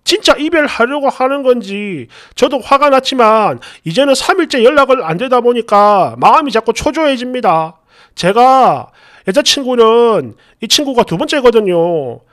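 A man with a strikingly high voice reads a submitted story in the first person. He keeps it casual and chatty, with conversational fillers, as if retelling it to a friend. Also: a bit bright.

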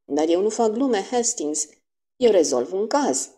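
A woman's voice: mid-range voice, expressive, warm tone, pitched above the performer's own voice, close to an everyday voice. A woman voicing a fussy, vain middle-aged male detective, theatrical and fond of French exclamations, in a storybook reading. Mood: self-assured.

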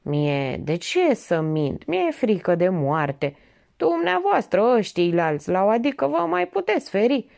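A woman's voice: high voice, very animated, gravelly, hardly any pauses, darkish tone, voice pushed up, heavily acted. A woman voicing a frightened, paralyzed male beggar with a trembling voice, in an audiobook. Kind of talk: audiobook character reading.

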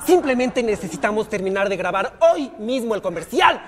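A man's voice: high voice, big pitch swings, normal speed, a crowd in the background. A man with a Mexican accent playing an impatient commercial director who keeps calling cut, in a live comedy sketch. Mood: exasperated. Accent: Mexican Spanish. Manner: impatient, barking counts and cuts. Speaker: sketch actor. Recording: live audience laughing behind.

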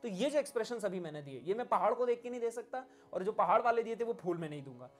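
A man's voice: sits high, very animated, quick pace. A man with an Indian accent giving a spoken music lesson, acting out emotions and lines of dialogue as he explains. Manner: demonstrative, acts out emotions and lines. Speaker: music teacher.

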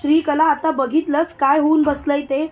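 A woman's voice: high-pitched, flat delivery, normal speed, darkish tone, faint music behind, close to an everyday voice. A woman voicing a scheming confidante who scolds and reassures an angry young woman, in a retold serial story. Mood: reproachful. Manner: reproachful then reassuring.

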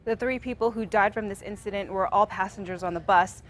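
A woman's voice: medium pitch, fairly quick, a little hiss or hum. A young woman delivering a scripted TV news report as a reporter. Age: young adult.

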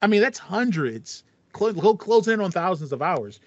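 A podcast co-host in his thirties has a high voice with big pitch swings and speaks at normal speed. He rambles enthusiastically through a casual chat about video game music. It's recorded through a headset on a video call in a small, foam-paneled room indoors, and the audio is dry and slightly muffled, with no echo.

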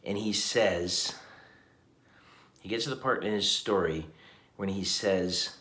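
A tired man in his fifties talks earnestly to a camera set on a table at arm's length in a hotel room at night, vlog-style and casual. His voice sits low and he speaks slowly, with a sharp tone and a reverberant sound. He is reflective and keeps restarting his sentences.

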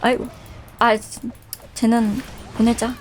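High-voiced playful woman streamer. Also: little pitch movement, takes it slowly, faint music behind. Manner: playful, teasing, chatty with viewers. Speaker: game streamer. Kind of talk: live game streaming chat.

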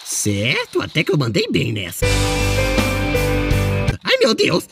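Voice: medium pitch, wildly swooping pitch, slow pace, gravelly, loud music behind the voice, heavily acted. A performer voicing a mischievous, boastful male ink demon in character while commenting on a game, with a playful, exclamatory manner.

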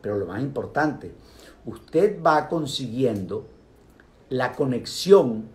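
An older man talks viewers through meditation in a relaxed, conversational way. His pitch swings widely as he leans into points and drops low for emphasis. The delivery is lively and direct, with playful asides. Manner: animated, speaks directly to viewers, asides and vocal sound effects. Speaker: meditation talk host. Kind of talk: casual spoken talk on meditation.

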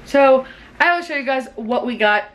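In her home kitchen, a young woman from Pennsylvania runs through a grocery haul for her vlog, chatting to a handheld camera held out at arm's length. Her high voice is animated and a bit bright at a normal speed, her tone bubbly and teasing, and the recording quality is low.

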